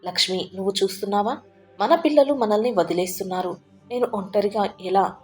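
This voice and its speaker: A woman's voice: medium pitch, a little fast, a little mellow, soft background music, lightly acted. A woman voicing a frail, grieving old widowed father who speaks in a tearful, trembling, pleading way.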